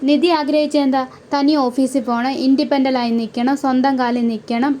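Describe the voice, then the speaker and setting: Persuasive wife, read by a woman, high voice. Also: level tone, brisk, warm tone, a little hiss or hum, natural voice. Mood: pleading. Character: supportive wife pleading with her husband.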